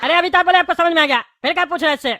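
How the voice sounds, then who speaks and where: A woman's voice: very high-pitched, racing, sharp tone, no echo. A woman voicing an irritated, complaining male travel companion in a comedy skit, with a Bhojpuri-region Hindi accent. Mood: exasperated. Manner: exasperated, complaining.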